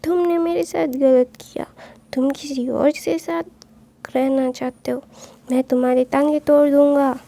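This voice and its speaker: A woman's voice: sits high, fairly even intonation, a little slow, vocal fry, dark tone. A woman voicing a hot-tempered, jealous young man in a told story, speaking angrily and threateningly. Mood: furious. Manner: angry, threatening.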